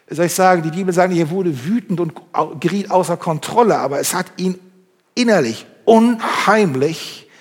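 A man preaching a sermon and reading from the Bible, moving between loud emphasis and hushed, intimate passages. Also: high-pitched. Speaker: pastor. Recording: long hall reverb.

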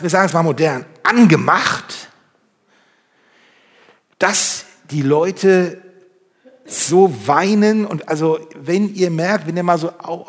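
A man preaching a sermon and reading from the Bible, moving between loud emphasis and hushed, intimate passages. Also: a little high. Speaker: pastor. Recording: long hall reverb.

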